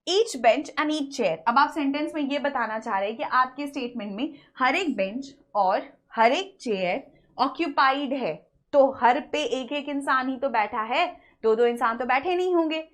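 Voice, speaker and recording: A woman with a high-pitched, somewhat bright voice teaches English grammar online. She talks in Hindi blended with English, questions herself and responds, and eases her pace when reading example sentences.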